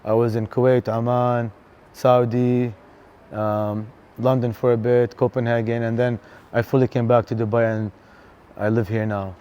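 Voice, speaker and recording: Laid-back DJ guest, man in his thirties, dark mellow tone, filler-heavy casual talk. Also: mid-range voice, normal speed, clear, resonant tone. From Canada. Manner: relaxed, chatty, lots of fillers and "bro". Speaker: DJ and venue co-founder, guest. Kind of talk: casual interview chat.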